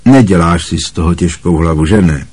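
A man reading as a calm, wry wizard teacher. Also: deep voice, breathy edge. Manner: calm, gently amused. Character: kind, wry middle-aged male wizard teacher.

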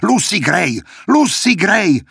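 A man putting on a tense young man in a storybook, chasing a girl through the woods, calling after her in a husky voice that gets louder and sharper as his temper builds, recorded dry and close with no room around it. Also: medium pitch, lively intonation, dry recording, close to an everyday voice. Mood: furious. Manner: shouts in rising anger.

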